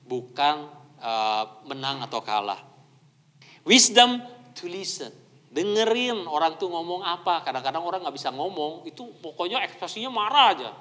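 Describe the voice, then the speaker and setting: A man preaches to his congregation in a fairly high voice, asking them questions as he goes. He drops English phrases into his sermon. The church hall adds a long, lingering reverb. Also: moderate pace. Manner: mixes Indonesian with English phrases; animated, asks the congregation questions. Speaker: pastor.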